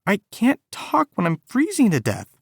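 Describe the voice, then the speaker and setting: A woman's voice: on the low side, steady tone, slow, darkish tone, breathy edge, dry recording, clean studio sound, voice pushed up. A male audiobook narrator voicing a whiny, melodramatic teenage girl who pleads tearfully.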